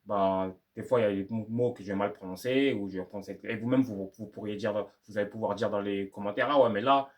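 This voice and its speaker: A man's voice: fairly low pitch, steady tone, fast, hardly any pauses. A young man talking casually to camera about learning English, rambling and repeating himself in slangy French. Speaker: YouTuber giving language-learning tips. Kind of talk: casual vlog monologue.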